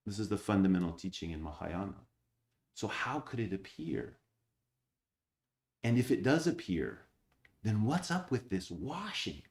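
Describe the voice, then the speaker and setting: A man, an abbot, giving a Zen Dharma talk, reading old texts slowly and then explaining them with rhetorical questions. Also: lowish voice, big pitch swings, darkish tone, roomy sound.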